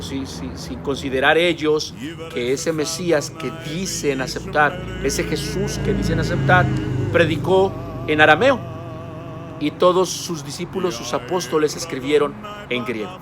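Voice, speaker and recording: A man giving an earnest sermon-style teaching, emphatic and speaking straight to the listener. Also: mid-range voice. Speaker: preacher.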